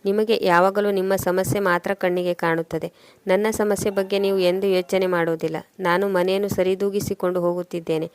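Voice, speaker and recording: A woman's voice: medium pitch, flat delivery, brisk, a little mellow, clean tone, no room sound, close to an everyday voice. Woman reading a tired, defensive young housewife. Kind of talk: scripted storytelling narration.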